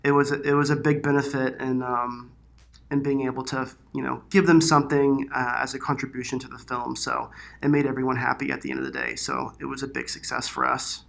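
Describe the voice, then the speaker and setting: A man appears as a filmmaker guest, giving casual interview answers in loose, informal speech with hesitant phrasing and plenty of "like" and "you know." His medium-pitched voice is a bit bright, with vocal fry, and he talks fairly quickly.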